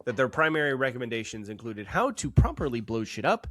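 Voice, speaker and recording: A man's voice: medium pitch, big pitch swings, fast, a bit bright, no echo. A man co-hosting a podcast, rambling and joking in casual chat and swearing freely. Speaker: podcast co-host.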